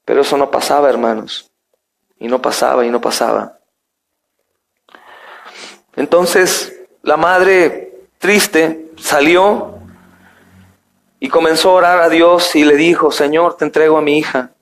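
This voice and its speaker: A man's voice: fairly high pitch, slow pace, vocal fry, pauses often. A male pastor preaching a sermon, telling a story and reading scripture to his congregation. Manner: addresses congregation as brothers, storytelling.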